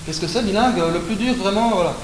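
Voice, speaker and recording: A Swiss man delivers an academic lecture, talking fast in a high-pitched voice. He explains his points with frequent "hein" and "euh" and corrects himself as he goes. The room is echoey, with a faint hiss.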